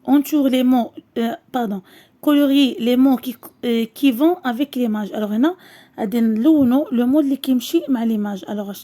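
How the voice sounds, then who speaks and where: A young woman with a Moroccan accent teaches a lesson for young children. She speaks slowly and clearly and says each word and syllable more than once. Her voice is fairly high and warm. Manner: slow, clear, repeats words and syllables. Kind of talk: French lesson for young pupils, explained in Arabic.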